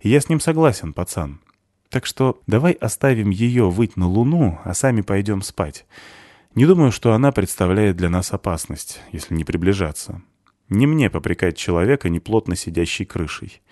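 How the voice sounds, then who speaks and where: A man voicing a gruff, sardonic ex-soldier who talks rough and dry while looking after a boy. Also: on the low side, lively intonation, normal speed, dark tone, no echo, close to an everyday voice. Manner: dry, mocking, rough-spoken. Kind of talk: audiobook character reading.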